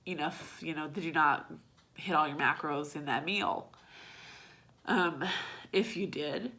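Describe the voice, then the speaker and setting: A young woman with a low-pitched voice talks straight to her viewers in a personal vlog. Her tone is bright and forceful, and she is raw and blunt, swearing freely as she speaks. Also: creaky. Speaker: vlogger.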